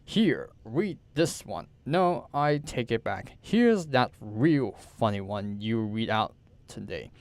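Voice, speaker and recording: A man's voice: on the low side, expressive, slow pace, darkish tone, dry recording. A man doing a brittle, falsely cheerful wife. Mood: chirpy.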